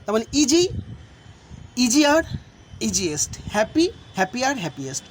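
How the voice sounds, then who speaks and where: A male teacher walks students through grammar rules, his voice rising and falling with lively emphasis. He repeats each point patiently and speaks into a close mic. A faint hiss of noise sits underneath. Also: high-pitched. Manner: patient, repeats and explains each rule slowly. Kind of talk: recorded online lesson.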